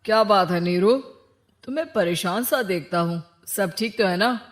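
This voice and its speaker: A woman voicing a confident young bachelor suitor with brisk, persuasive talk in a cartoon story. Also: medium pitch, lightly acted. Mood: concerned.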